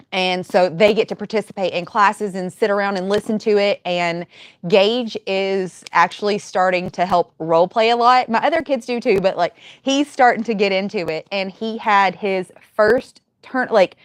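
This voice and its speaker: A woman in her thirties hosting a casual livestream Q&A, chatty and quick to laugh, with many fillers and restarts. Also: medium pitch, smooth, dry recording. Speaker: livestream host and firearms medical instructor.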